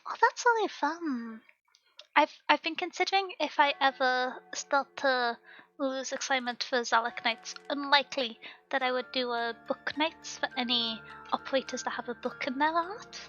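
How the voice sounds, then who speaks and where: A woman's voice: high voice, moderate pace, fairly bright tone, dull audio, faint music behind. A woman chatting casually to viewers on a game livestream in a cute, bubbly, giggly anime-streamer manner.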